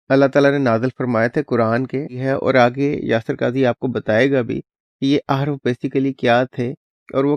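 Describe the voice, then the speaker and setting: A man's voice: medium pitch, creaky, no room sound, studio quality. A man hosting his channel, explaining a clip in a plain conversational way and dropping English words into his speech. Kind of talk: casual explanatory commentary.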